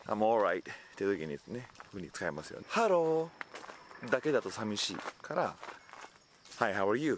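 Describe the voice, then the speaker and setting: A man's voice: on the low side, a little hiss or hum. A man giving a casual spoken lesson outdoors, animatedly switching into sample English phrases. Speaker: English teacher on a video channel. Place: outdoors in hot weather.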